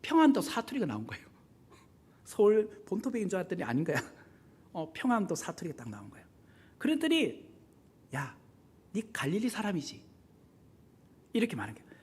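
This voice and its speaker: A male pastor delivers a lively sermon in a church, his pitch rising and falling widely as he acts out the voices he quotes. His voice has a slightly husky edge. He talks with the congregation, putting questions to them. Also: fairly quick, long pauses. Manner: animated, acts out quoted voices with big swings in loudness; conversational, asks the congregation questions. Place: church sanctuary.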